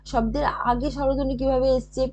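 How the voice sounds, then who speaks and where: A woman's voice: high voice, little pitch movement, fairly quick, mellow, muffled recording. Woman teaching grammar, tagging "okay?". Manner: explains step by step, often checks with a rising "okay?"; frequent hesitation fillers. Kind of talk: online grammar lesson.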